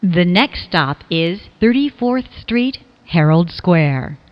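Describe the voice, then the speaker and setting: Woman, transit announcer, very unhurried, slightly low voice, scripted clipped phrases, dull audio. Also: animated. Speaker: subway train announcer.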